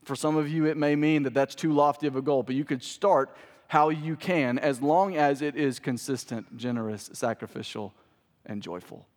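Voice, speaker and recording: Male pastor, mid-pitched, conversational sermon rising to emphatic points, long church-hall reverb. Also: moderate pace. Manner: conversational preaching that swells into emphatic peaks. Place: church sanctuary with congregation.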